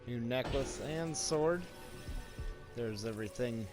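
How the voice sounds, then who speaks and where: As host of a walkthrough, a man gives casual gameplay commentary at a slow pace with a medium-pitched voice. Loud game music plays behind him, along with game music and sound effects in the background.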